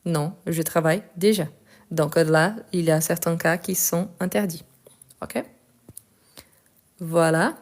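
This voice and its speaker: Woman, non-native accent, French teacher on a live stream, patient explainer who drifts faster. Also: fairly low pitch, steady tone. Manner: tends to speed up while talking. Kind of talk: live online language lesson.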